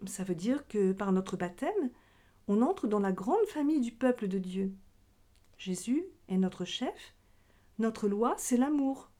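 This catechism teacher speaks slowly in an animated, dark-toned voice of middle pitch. She leads a children's religion lesson as a question-and-answer dialogue, explaining things simply as though to young listeners.

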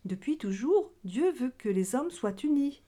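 Higher, mellow-voiced woman teaching children. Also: animated, a little slow. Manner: simple, explanatory address to children. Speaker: catechism teacher. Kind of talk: children's religion lesson in question-and-answer dialogue.

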